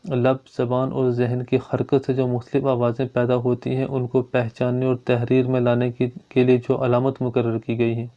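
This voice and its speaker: Man, grammar lesson teacher, monotone delivery, repeats points, muffled lo-fi sound. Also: medium pitch, few pauses. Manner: explains step by step, repeats points. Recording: dull lo-fi recording.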